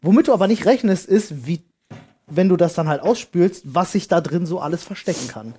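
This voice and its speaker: Husky man telling a story in a casual podcast. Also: high voice, a little fast. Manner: animated storytelling, slangy. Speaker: podcast co-host. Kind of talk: casual chat.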